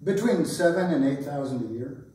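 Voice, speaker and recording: A man acting a polite, hesitant gentleman suitor of thirty-five in a staged comedy reading. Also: a little high, lively intonation, moderate pace, close to an everyday voice. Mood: polite, uneasy. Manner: deferential, hesitant. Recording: very echoey hall, distant microphone.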